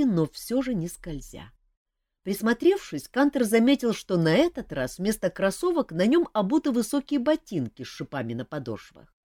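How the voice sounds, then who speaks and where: A woman narrating an audiobook in an expressive, dramatic reading style. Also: medium pitch, no room sound, clean studio sound. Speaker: audiobook reader.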